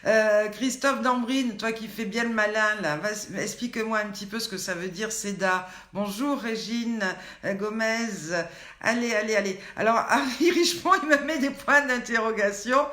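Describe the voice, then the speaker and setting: A woman's voice: on the high side, normal speed, a bit bright. An older woman hosting a live online show, playfully quizzing viewers and reading out their names and comments. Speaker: host of a daily online show. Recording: echoey room.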